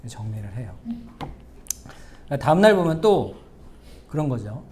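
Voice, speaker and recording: Animated middle-aged man preaching. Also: mid-range voice, unhurried, slight background noise. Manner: speaks straight to the congregation; swings between loud emphatic lines and soft asides. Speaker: pastor. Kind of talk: sermon.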